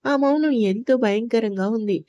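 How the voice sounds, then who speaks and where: A woman's voice: on the high side, moderate pace, mellow, dry recording. Woman reading an audio love story.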